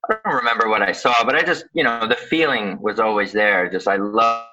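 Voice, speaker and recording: An interview guest who works as an underwater photographer and dive pro, Ukrainian-born and Canadian-raised, replies informally and haltingly, thinking out loud. He has a lowish, sharp-toned voice, recorded with a slightly dull, lo-fi quality.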